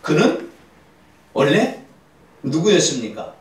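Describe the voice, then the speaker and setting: A man's voice: a little high, very animated, slow, a little hiss or hum. A male pastor leading a Bible seminar sermon. He stresses and repeats key words and prompts the congregation to answer back. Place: church. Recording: distant echoey church recording.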